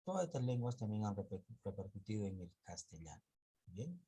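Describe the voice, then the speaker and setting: A man teaching an online class, lecturing slowly and haltingly, often stopping to correct himself. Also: on the low side, big pitch swings, warm tone, slightly rough.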